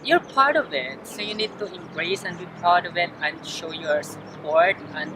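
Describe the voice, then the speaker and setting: A young woman from the Philippines answering interview questions outdoors, halting and full of fillers and restarts. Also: on the low side, animated, background noise. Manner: hesitant, lots of fillers and restarts. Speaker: interview guest. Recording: music playing clearly behind.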